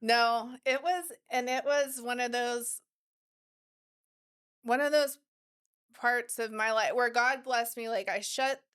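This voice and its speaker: A woman's voice: fairly high pitch, steady tone, takes it slowly, long pauses, a bit bright, clean tone. A woman, a business owner and podcast guest, telling her story in casual, frank conversation. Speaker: guest entrepreneur. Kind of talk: casual interview chat.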